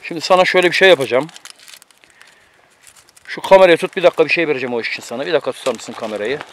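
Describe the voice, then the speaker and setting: A man's voice: a little high, expressive, racing, slight background noise. A man cooking outdoors on a mountain, giving teasing, bossy instructions to a friend in casual chat, recorded on a camera mic. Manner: bossy, teasing running commentary.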